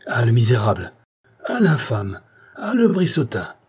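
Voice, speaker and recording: A man's voice: mid-range voice, moderate pace, darkish tone, voice pushed up, close to an everyday voice. A man reading aloud voices a crotchety old spinster aunt who scolds and curses her nephew. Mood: outraged cursing. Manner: scolding, cursing shrilly.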